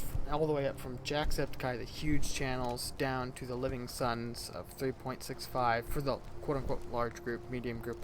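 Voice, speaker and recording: Against a noisy background, a twenty-year-old YouTuber chats casually with his viewers in a mid-range voice he himself calls childish. His vlog talk rambles along, chatty, with him correcting himself as he goes.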